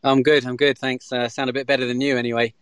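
A man's voice: medium pitch, flat delivery, fast, fairly bright tone, clean tone, no echo, clean studio sound. A man making casual chat as a podcast co-host.

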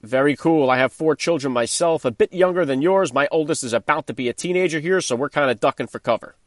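Male podcast host, 30s, upbeat and direct, fairly high voice. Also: fast talker, no room sound, clean studio sound. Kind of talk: casual interview.

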